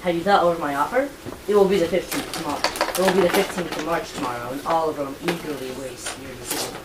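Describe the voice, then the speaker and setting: A woman playing a flattering Roman senator, coaxing in an amateur stage performance. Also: low-pitched, fast, lightly acted. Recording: echoey room, distant, loud noise.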